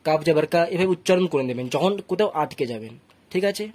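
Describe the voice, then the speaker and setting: Man, Bangladeshi Bengali accent, patient Quran teacher, slow syllable-by-syllable spelling. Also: a little high, animated, darkish tone. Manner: patient, spells out letters and vowel marks, often asks "ঠিক আছে?". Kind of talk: slow syllable-by-syllable recitation lesson.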